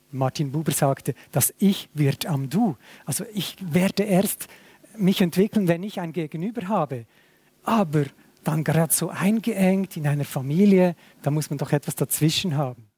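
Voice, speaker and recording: A man's voice: a little high, mellow, dry recording. A man preaching a sermon to a small church, conversational and full of questions. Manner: conversational, asks many questions. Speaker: pastor.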